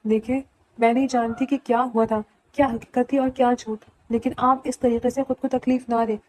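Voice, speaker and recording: A woman's voice: a little high, flat delivery, a little mellow, no echo, natural voice, rough recording. A woman reading the lines of a caring but stubborn young woman in an audiobook, earnest and coaxing. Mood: pleading.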